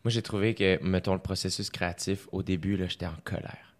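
A man's voice: low voice, steady tone, brisk. A man with a Québécois French accent hosting a podcast, chatting casually and telling stories with many fillers. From Quebec. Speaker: podcast host. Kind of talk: casual conversation.

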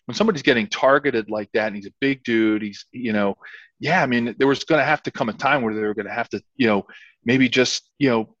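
Male sports podcast pundit, mid-pitched, conversational and halting, emphatic repeats, lo-fi dry sound. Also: fairly bright tone, dry recording. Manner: emphatic, repetitive, halting phrasing. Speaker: football podcast co-host. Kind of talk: casual sports commentary. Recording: dull, slightly lo-fi sound.

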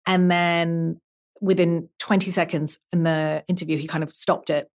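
A young woman who is half Emirati appears as a guest artist in a podcast conversation, speaking thoughtfully with lots of fillers and restarts. Her voice is on the low side and a bit mellow, with a steady tone and moderate pace.

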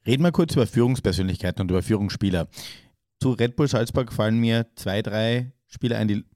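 A man's voice: lowish voice, fairly quick, a little mellow, dry recording, clean studio sound. A man co-hosting a podcast, asking questions in a conversational, joking way. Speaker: podcast co-host. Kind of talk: casual interview chat.

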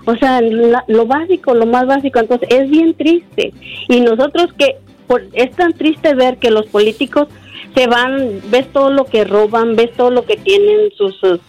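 A woman calling in to a radio show, earnest and halting. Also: high-pitched, expressive, darkish tone, poor audio. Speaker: caller. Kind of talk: call-in radio chat.

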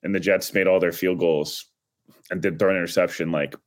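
A man guesting on a sports podcast, breaking down a game in a relaxed, reasoned, conversational way. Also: low-pitched, a little fast. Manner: conversational, reasoned, laughs easily. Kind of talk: casual sports analysis chat.

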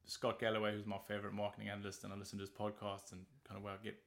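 Low gravelly guy rambling on a podcast, blunt and sweary. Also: completely flat delivery, very fast, fairly bright tone. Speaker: podcast co-host. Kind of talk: casual podcast chat.

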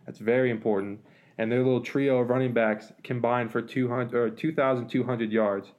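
A man co-hosting a casual sports talk show, analytical and relaxed, with many fillers and restarts. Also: mid-range voice, normal speed, highs cut off. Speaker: sports podcast co-host.

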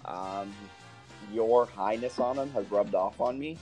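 A man's voice: lowish voice, a little slow, darkish tone. Man, sports podcast co-host, casual chat, laughs a lot, faint music behind. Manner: chatty, laughs often, goes off on tangents. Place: lives in Hoboken, New Jersey.

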